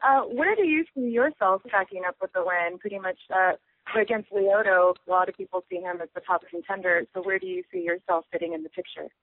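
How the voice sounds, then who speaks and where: A woman's voice: medium pitch, brisk, dry recording. Woman reporter on a phone line. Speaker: reporter asking questions. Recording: narrow, dry phone line.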